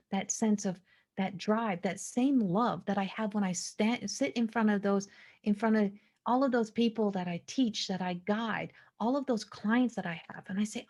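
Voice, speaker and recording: Speaking at a medium pitch, a 40-something female podcast host offers a slow, inward-looking spiritual monologue, at times falling to a soft whisper.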